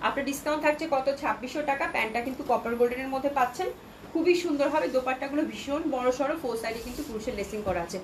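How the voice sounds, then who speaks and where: A woman from Bangladesh runs a live clothing sale, talking quickly in a fairly high voice and reading out viewer comments as she goes. A cold has left her throat a little sore. A faint noise sits under the recording. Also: low-quality recording. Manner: chatty, reads out viewer comments. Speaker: online clothing seller. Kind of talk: live sales stream.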